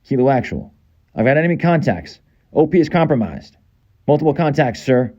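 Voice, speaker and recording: Man acting a clipped Boston-accented soldier, swooping pitch. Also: very animated, a little fast, mellow, dull audio. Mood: urgent, commanding. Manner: clipped, urgent military delivery. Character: male American soldier barking combat radio callouts, tough. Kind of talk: video game military voice acting.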